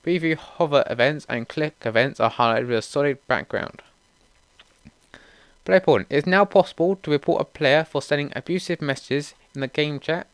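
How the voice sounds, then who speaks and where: A young man reads a list of game update notes aloud, steady and matter-of-fact, with relaxed asides in between. His voice is smooth and clear, and the recording is dry and close with no room sound. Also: a little high, dry recording. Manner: steady read-through with casual asides. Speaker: gaming channel host. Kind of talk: reading out patch notes.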